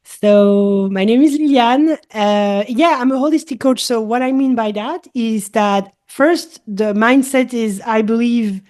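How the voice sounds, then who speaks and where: Her voice sits a little higher than most, and her English carries a clear French accent. A middle-aged holistic coach, she explains her views thoughtfully in relaxed interview chat, often returning to the same point and repeating key phrases in slightly different words.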